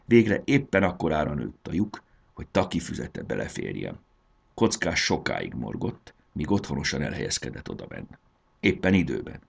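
A man reading a children's storybook aloud as narrator, with a gravelly voice. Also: extremely low pitch, sing-song.

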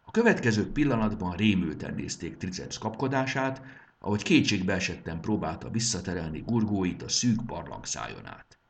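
A man reading a children's adventure story aloud in an expressive, steady manner. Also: low-pitched, gravelly. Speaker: narrator.

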